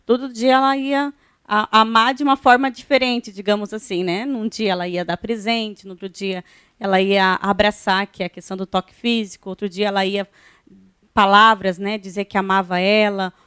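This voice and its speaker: A woman's voice: mid-range voice, steady tone, moderate pace, fairly bright tone, clean tone, no echo, clean studio sound. A woman with a Brazilian Portuguese accent, a guest on a church TV talk show, speaking conversationally. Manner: conversational, frequent "né" tags. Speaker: guest, pastor's wife. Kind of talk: church TV interview.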